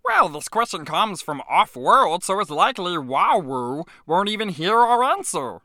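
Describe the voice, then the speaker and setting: A formal, easily wounded alien prince, as a woman acts him out, speaking slowly with a lot of rise and fall in the voice. He sounds stiff and pompous in a dry, close recording. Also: fairly low pitch, very animated, pushed and bright, no room sound, heavily acted. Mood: sulky. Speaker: guest on an advice show.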